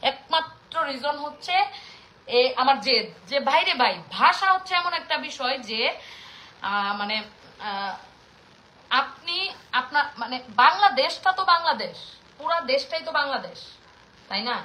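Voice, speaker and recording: A woman's voice: high voice, lively intonation, moderate pace, pauses often, pushed and bright. A woman in her thirties with a Bangladeshi Mymensingh accent, passionately scolding her viewers in a casual rant. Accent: Bangladeshi Bengali, Mymensingh. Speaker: vlogger speaking to her audience.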